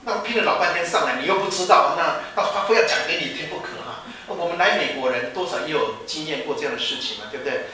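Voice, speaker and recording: Male pastor, informal sermon, bright forceful tone, faint room hum. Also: fairly high pitch, animated, fast talker, hardly any pauses. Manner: chatty, teasing rhetorical questions, laughing asides. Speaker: pastor and former professor. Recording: echoey room from a distant mic.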